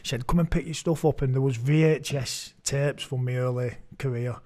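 A man's voice: medium pitch, fairly even intonation, a little fast, darkish tone. A man, a former rugby league prop chatting as a podcast guest in a jokey, self-mocking way. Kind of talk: casual chat.

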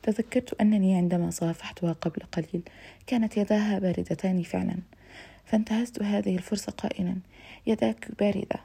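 A woman narrating a literary novel in a reflective, steady way for an audiobook. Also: medium pitch, fast talker, vocal fry, slightly rough.

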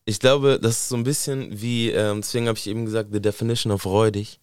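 A man hosting a podcast who talks in a relaxed, slangy way with many fillers. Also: lowish voice, fast, clear, resonant tone, no echo, clean studio sound. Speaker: podcast host. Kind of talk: casual chat.

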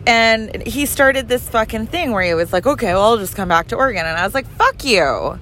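A woman's voice: fairly high pitch, expressive, a little fast, a bit bright, a little hiss or hum. A woman and mother hosting her own show, talking bluntly, profanely and ramblingly while she drives her car. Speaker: podcast host and mother. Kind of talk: casual driving vlog rant.

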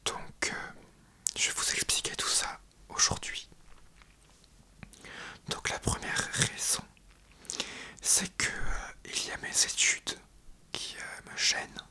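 A young man hosting an ASMR podcast in a breathy, hesitant whisper, speaking right into the listener's ear. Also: slow pace, pauses often, bright, forceful tone. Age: young adult. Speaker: podcast host.

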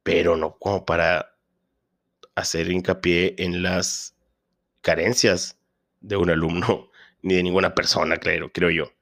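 A man's voice: low-pitched, flat delivery, measured pace, creaky, pauses often, fairly bright tone. A man with a Mexican Spanish accent, a teacher and father, hosting a casual podcast monologue with slangy, joking, self-deprecating asides.

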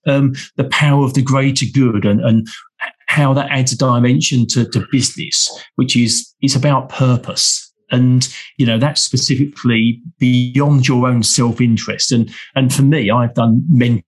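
A man hosting a talk show, responding to a guest's story in a measured, reflective way. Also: mid-range voice, fairly even intonation, slightly rough. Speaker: podcast host. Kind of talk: casual conversation.

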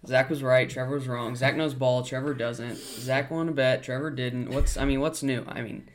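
A young man co-hosting a casual sports podcast, recapping the game in a steady run of facts and laughing it off. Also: medium pitch, normal speed. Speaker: podcast co-host. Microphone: one camera shared by three.

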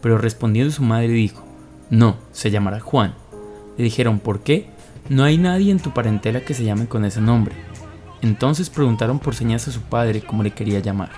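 A man's voice: medium pitch, normal speed, warm tone, faint music behind. Earnest man giving a devotional talk. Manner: earnest, explanatory, with occasional fillers. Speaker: podcast host giving a Bible reflection.

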